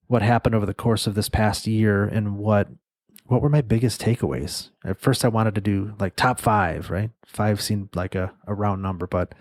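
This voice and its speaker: A man with a lowish, slightly mellow, nasal voice hosts a solo podcast into a studio microphone, with no room sound. He owns an agency and talks casually, rambling through plenty of fillers and restarts.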